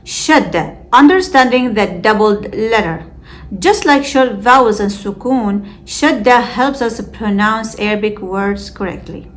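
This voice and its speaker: A woman teaching an Arabic lesson, explaining pronunciation in a careful, clear way. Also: medium pitch, lively intonation, a little slow. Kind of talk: scripted lesson narration.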